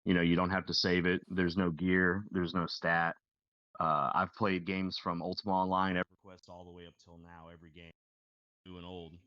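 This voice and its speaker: Deep-voiced rambling man in his thirties. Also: monotone, moderate pace, dry recording, highs cut off. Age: 30s. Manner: rambling, many "you know" fillers. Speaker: guest streamer. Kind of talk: casual podcast interview.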